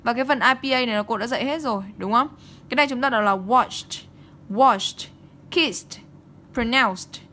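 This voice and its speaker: A woman teaching an online English exam-prep lesson, speaking briskly and checking in with her students again and again. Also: on the high side, pushed and bright, a little hiss or hum. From Vietnam.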